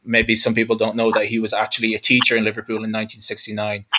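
His lowish voice is pushed and bright, with a completely flat delivery at a quick pace. He is a Galway sports journalist in his twenties with a west of Ireland accent, appearing as a guest in a football discussion and speaking fluently and reflectively.

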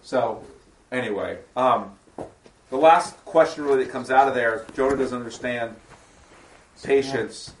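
A man's voice: mid-range voice, a little slow, long pauses, a little hiss or hum. A man teaching an informal Bible study to a small group, reading scripture aloud and explaining it in casual asides and questions to the group. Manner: asks the group check-in questions. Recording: echoey room, voice far from the mic.

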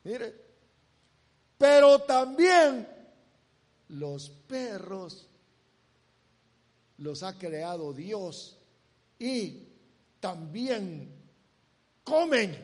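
A man's voice: high-pitched, expressive, drawn-out words, long pauses, darkish tone, in a large hall. A male preacher delivering a sermon, emphatic and repetitive, urging his listeners again and again to look. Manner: emphatic, repeats "look, look" to the congregation.

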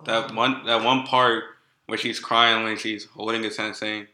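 A laid-back man chats about movies in a casual, slangy way. His voice sits fairly low but sounds very bright and sharp. The room around him is echoey. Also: little pitch movement, unhurried.

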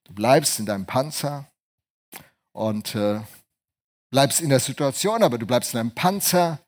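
Husky, animated male preacher. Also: mid-range voice, measured pace. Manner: animated, swings between hushed and loud voices. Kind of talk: lively sermon with acted voices.

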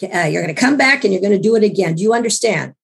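Bossy demon guard, male, commanding, gravelly, quoted by a hoarse woman. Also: medium pitch, lively intonation, rapid-fire, full character voice.

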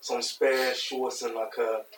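A man's voice: medium pitch, little pitch movement, slow, far from the mic, over a noisy crowd. Young London roadman in an echoey room. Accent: London roadman, multicultural London slang. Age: 20s. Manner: slangy, repeats words to hold the floor. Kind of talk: casual group banter. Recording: echoey room, off-mic, noisy.

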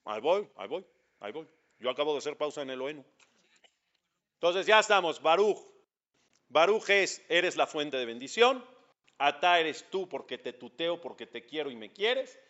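Emphatic Mexican rabbi teaching a class. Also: male voice, a little high, sing-song, moderate pace, pauses often, sharp tone, dull audio. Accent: Mexican Spanish. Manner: emphatic, questions his listeners directly.

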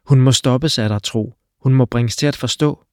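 A man's voice: mid-range voice, a little mellow, no echo, clean studio sound, lightly acted. A man voicing a loyal, caring young woman in a storybook reading, speaking earnestly and urgently. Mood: urgent, reassuring.

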